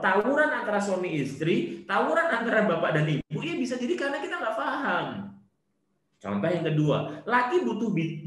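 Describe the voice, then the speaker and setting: A man giving an online Islamic study lecture over a video call, animated, with rhetorical questions and playful asides. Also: very high-pitched, roomy sound.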